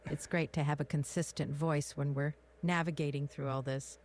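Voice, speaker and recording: A synthetic woman's voice acting as an AI copilot, giving smooth, polished scripted replies. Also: sits low, fairly even intonation, moderate pace, a little mellow, slight background noise.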